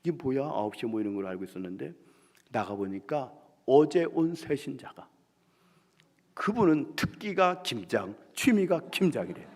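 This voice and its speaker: A man preaching at a revival meeting, telling a story animatedly and acting out the people in it, dropping to hushed asides and rising to loud outbursts. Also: mid-range voice, sing-song, normal speed. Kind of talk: sermon with storytelling. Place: church sanctuary. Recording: long hall reverb in church.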